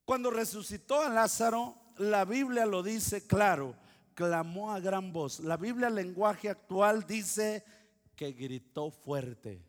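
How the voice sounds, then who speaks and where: High-voiced pastor preaching. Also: male voice, slow, big-room sound. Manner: preaching with sudden loud outbursts and hushed asides. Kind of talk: sermon.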